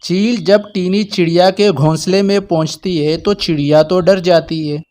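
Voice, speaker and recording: A man narrating a children's cartoon story in a calm, steady storytelling manner. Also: high-pitched, normal speed.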